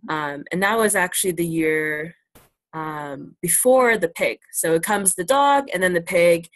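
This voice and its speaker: Teaching students about China in a relaxed video-call Q&A, this young native English speaker uses plenty of ums and likes. She has a fairly low pitch and a measured pace. The laptop webcam recording is dry.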